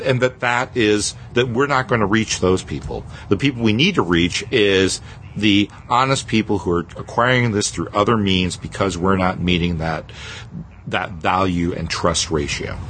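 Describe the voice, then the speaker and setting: A man's voice: lowish voice, measured pace, a bit bright, a little hiss or hum. A man hosting a podcast in a casual, reflective way, hesitating and repeating phrases as he thinks aloud. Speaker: podcast host.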